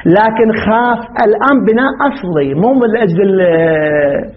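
A man with a high voice teaches a grammar lesson. He works through each rule step by step and keeps asking his class questions. The recording sounds dull and lo-fi. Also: lively intonation, normal speed. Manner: explains step by step, asks students questions.

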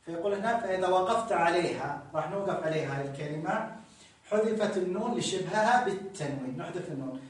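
A man teaching grammar, repeating examples slowly and telling listeners to notice each form. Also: high voice, animated. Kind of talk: explaining grammar rules with examples. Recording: very echoey room, distant mic.

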